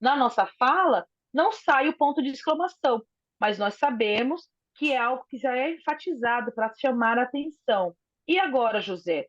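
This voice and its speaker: On a video call, a woman teacher walks her class through a lesson step by step, frequently checking in with "né?" as she explains. Her fairly high voice comes through a phone mic, sounding dull and lo-fi, with no room echo.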